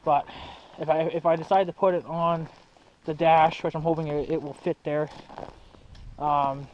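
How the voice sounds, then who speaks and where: The muffled, noisy amateur clip features a young man hosting his hobby video channel. His fairly high voice moves little in pitch and keeps a moderate pace as he rambles casually in slang, thinking aloud to viewers.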